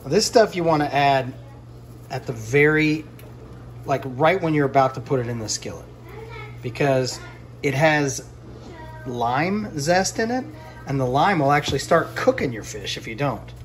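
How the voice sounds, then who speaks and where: A man's voice: mid-range voice, unhurried, pauses often, a little hiss or hum. A man in his forties chatting casually as he cooks fish in his home kitchen, filmed on a handheld phone. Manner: relaxed, chatty, talks while cooking. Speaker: fishing vlogger. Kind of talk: casual cooking narration. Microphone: handheld phone camera.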